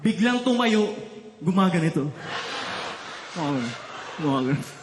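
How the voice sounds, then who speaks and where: On stage in an echoey room with a noisy background, a Filipino comedian tells his stories in an animated way and pokes fun at the crowd. His voice is high-pitched and unhurried.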